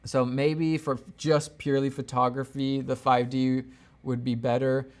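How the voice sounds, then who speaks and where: Speaking a little slowly with a flat delivery and medium pitch, a man hosts a casual livestream as a camera gear YouTuber. He offers opinions and answers viewers off the cuff, rambling, thinking out loud and backtracking mid-thought.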